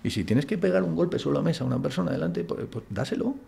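A man's voice: on the high side, lively intonation, fast talker, gravelly, warm tone. A man from Spain with a Madrid accent, a guest in an interview, talking bluntly and colloquially. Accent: Spanish from Madrid. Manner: blunt, colloquial, full of "tío" and "macho". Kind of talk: casual interview chat.

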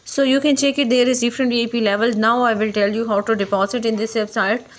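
A woman's voice: on the high side, steady tone, quick pace. A woman hosting her channel, walking viewers through a website step by step in non-native English, calling them friend again and again. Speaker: YouTube channel host. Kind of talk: screen-recorded tutorial walkthrough. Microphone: voice-over on phone screen recording.

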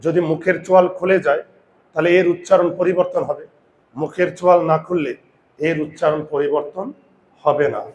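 A man teaching a grammar lesson who sounds out vowels slowly, repeats words and asks his students questions. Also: on the high side, steady tone, a little mellow. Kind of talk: classroom lesson.

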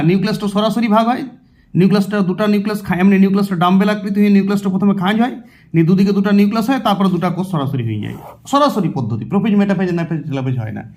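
High-voiced, fast-talking male teacher. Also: darkish tone. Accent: West Bengal Bengali. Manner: explains by asking and answering his own questions; repeats terms while writing on a board. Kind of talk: exam-prep biology lesson.

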